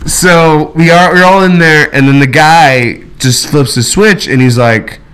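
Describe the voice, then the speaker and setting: A man's voice: fairly high pitch, a little slow, fairly bright tone, clean tone. A man on a podcast, telling a story in casual chat, full of fillers and restarts and swearing. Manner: rambling, profane, with many fillers and restarts. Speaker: podcast co-host.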